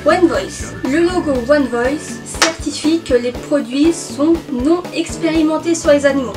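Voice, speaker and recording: Chatty woman vlogger, high voice, jokey asides, a bit far from the mic with music underneath. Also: a little slow. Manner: chatty, jokey asides, self-mocking English. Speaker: beauty vlogger. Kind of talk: casual explainer vlog.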